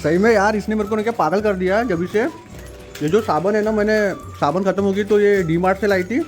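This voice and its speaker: A man in his thirties talks casually into a phone camera at home, teasing and chatty, with a fairly high voice. Faint music sits under his talk. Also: brisk. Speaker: vlogger. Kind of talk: casual family vlog chat. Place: apartment home.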